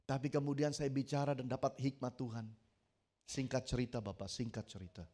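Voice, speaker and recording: Middle-aged male pastor from Indonesia, preaching a story-driven sermon that swells into loud emphatic appeals. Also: mid-range voice, brisk. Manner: storytelling, acts out quotes, builds to loud emphatic peaks.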